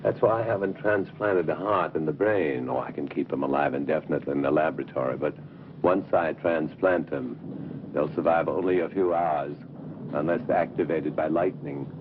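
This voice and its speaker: Older mad scientist, horror film: very deep, grandiose, obsessed, on a narrow, noisy old soundtrack. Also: male voice, moderate pace. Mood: determined, obsessed. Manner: grandiose, theatrical, declamatory. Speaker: doctor. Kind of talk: gothic horror film acting.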